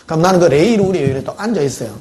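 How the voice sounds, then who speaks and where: Lively preacher. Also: male voice, on the high side, rapid-fire. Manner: conversational storytelling, questioning the congregation. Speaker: pastor. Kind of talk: sermon. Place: church.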